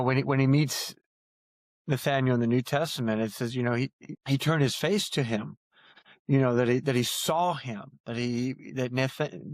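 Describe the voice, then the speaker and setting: Earnest in tone, a male author talks as a podcast interview guest in a medium-pitched voice, often repeating phrases to stress his points. No echo is present.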